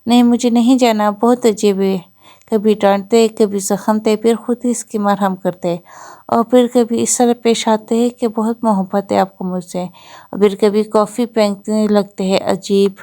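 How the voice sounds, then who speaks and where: A woman's voice: medium pitch, steady tone, mellow, close to an everyday voice. A woman voicing a stubborn, tearful young bride in an audio novel, pouting and complaining like a child.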